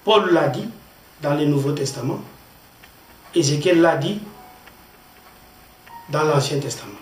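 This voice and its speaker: Man, Congolese pastor, measured sermon delivery, high voice, echoey room off-mic, faint music behind. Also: lively intonation, far from the mic. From Democratic Republic of the Congo. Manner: deliberate, pausing between short phrases. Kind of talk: slow measured sermon with scripture reading.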